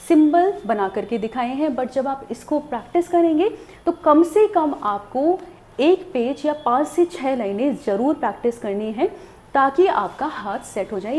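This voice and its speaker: Lively high-voiced woman teaching. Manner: patient, explanatory, repeats "theek hai". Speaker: shorthand teacher. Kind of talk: recorded lesson.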